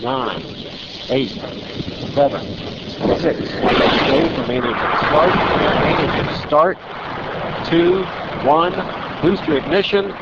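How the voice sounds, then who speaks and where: A man calling out a launch countdown in formal, measured call-outs, heard as a noisy, lo-fi radio transmission. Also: a little high. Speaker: launch announcer. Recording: crackly lo-fi radio feed with loud static.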